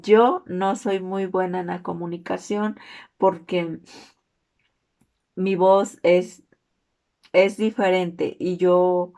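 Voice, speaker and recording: A young woman with a Mexican accent and a naturally hoarse voice, giving an earnest, informal class presentation. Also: flat delivery, takes it slowly, long pauses, warm tone. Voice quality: hoarse, low-toned voice.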